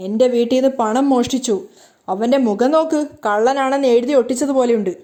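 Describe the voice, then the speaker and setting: Woman reading scornful middle-aged woman, accusing, high voice, soft tone. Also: fast talker, close to an everyday voice. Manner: read out plainly in the reader's own voice.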